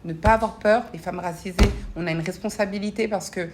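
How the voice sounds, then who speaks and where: In a brisk, mid-range voice over background noise, a woman offers reflective interview answers in an earnest, searching way, often repeating herself. The guest is a parliamentary assistant and association founder who grew up between French and Congolese cultures.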